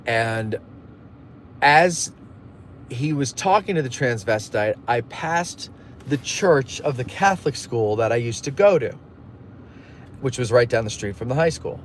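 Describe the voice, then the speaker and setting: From a moving car, a man hosts a casual live stream, rambling through stories and jokey asides as he reads viewer messages. His mid-range voice is animated yet unhurried, with long pauses and a slight hiss or hum in the audio.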